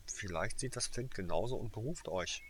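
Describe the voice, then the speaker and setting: A man reading the lines of a small, determined schoolgirl who speaks quietly and firmly. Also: lowish voice, normal speed, noisy background, close to an everyday voice. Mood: calm. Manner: quiet, soothing, firm. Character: small determined first-year schoolgirl, calm and bold.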